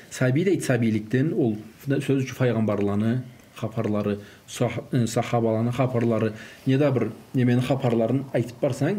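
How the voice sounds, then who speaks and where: Speaking in a mellow, mid-range voice, a native Karachay-Balkar man takes part in a casual religious discussion on raising children, switching into Russian words and phrases at times.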